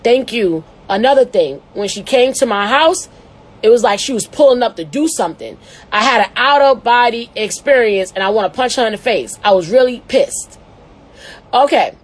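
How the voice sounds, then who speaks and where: A woman hosting an advice show, reading a listener's letter aloud and answering it with blunt, profane, animated commentary. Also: fairly high pitch, moderate pace.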